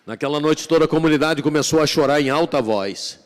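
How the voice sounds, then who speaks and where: A man preaching a sermon as pastor, impassioned, building to emphatic repetition and dropping to hushed lament when he dramatizes scripture. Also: on the high side, fairly quick. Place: church sanctuary. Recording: long reverb of a church hall.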